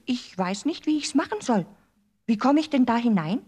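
A woman's voice: fairly high pitch, lively intonation, normal speed, dark tone, slightly rough, pitched above the performer's own voice. A woman voicing a frightened little girl in a storybook reading, pleading and tearful. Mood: timid.

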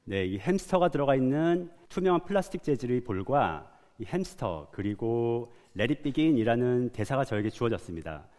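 A man's voice: medium pitch, very animated, moderate pace, few pauses, a little mellow. Man lecturing in a reverberant hall. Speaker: animator giving a talk. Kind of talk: prepared public lecture.

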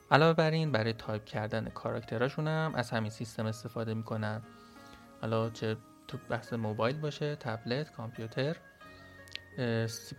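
A man teaching a podcast language lesson, explaining step by step and saying sounds aloud as examples. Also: mid-range voice.

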